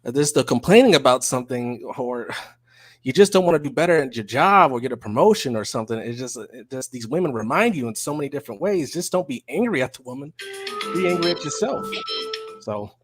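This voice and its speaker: A man's voice: mid-range voice, lively intonation, quick pace, faint music behind. A man giving firm, lecturing closing thoughts in a casual panel discussion on a video call.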